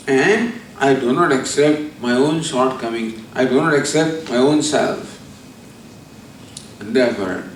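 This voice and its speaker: A man, a spiritual teacher giving a deliberate scripture lecture with everyday examples. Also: medium pitch, a little hiss or hum. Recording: roomy, distant mic.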